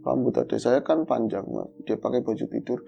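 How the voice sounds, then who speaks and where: A man telling a true horror story in casual chat, animated as he acts out his own calls and growls. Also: mid-range voice, moderate pace, vocal fry, dull audio, soft background music. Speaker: guest storyteller.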